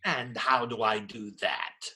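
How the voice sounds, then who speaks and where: An actor playing a wary, wry, reluctant friar in a radio play. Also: male voice, mid-range voice, fairly even intonation, slow, bright, forceful tone. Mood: wary, protesting.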